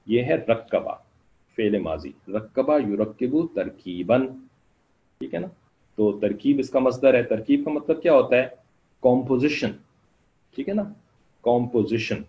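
A man teaching an online class, explaining slowly and checking in with his students again and again. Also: medium pitch, dull audio. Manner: slow explanatory, keeps asking "ٹھیک ہے نا".

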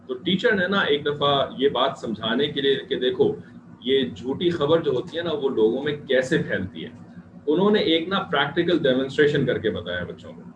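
A man's voice: medium pitch, expressive. A man teaching an online religious history class, explaining step by step and checking in with his students. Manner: conversational, repeats checks with students. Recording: echoey muffled noisy room.

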